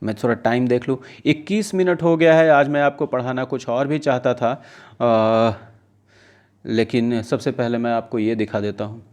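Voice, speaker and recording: A man teaches English vocabulary to exam students, reading news lines slowly and then explaining them conversationally with checking questions. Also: medium pitch, darkish tone. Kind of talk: casual classroom-style lesson, mixing Hindi and English.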